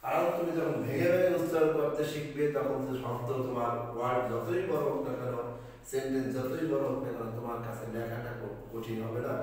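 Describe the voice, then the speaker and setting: A male English teacher with a Bengali accent, giving a classroom lesson for young pupils and repeating key points with slow, drawn-out model words. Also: mid-range voice, darkish tone. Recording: echoey room, voice far from mic.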